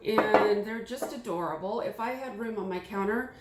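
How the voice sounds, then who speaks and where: A woman chatting casually about her thrift finds, rambling and excitable with lots of fillers, at a table at home. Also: mid-range voice, normal speed, roomy sound, heavy background noise. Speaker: thrift haul vlogger. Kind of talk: casual chat. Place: small home room at a table.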